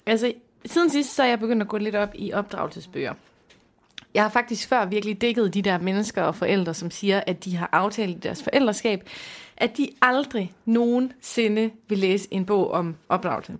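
A woman co-hosting a casual chat, explaining her ideas in a thoughtful way and laughing at herself. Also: mid-range voice. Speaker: podcast co-host.

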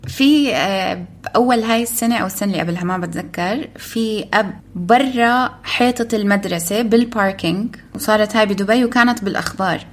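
Female co-host and mother: quick, mid-range voice, practical anecdotal delivery. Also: medium pitch. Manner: brisk, practical, tells anecdotes from family life. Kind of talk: casual parenting chat.

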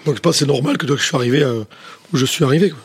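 A middle-aged chef from southwest France with a southwest French accent, telling stories in a rambling way with many restarts. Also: male voice, medium pitch, very fast, husky. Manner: rambling, many restarts, says "tu vois" often. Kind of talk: casual interview storytelling.

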